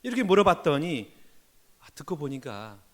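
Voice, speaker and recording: A man's voice: a little high, big pitch swings, moderate pace. A man preaching a sermon as senior pastor in a church, earnestly putting questions to the congregation. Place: church sanctuary.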